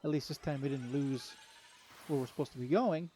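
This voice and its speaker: A young let's play commentator rambles easygoingly over a solo game playthrough, speaking fairly quickly in a warm, medium-pitched voice. He uses lots of fillers and restarts, and there's a little hiss or hum in the background.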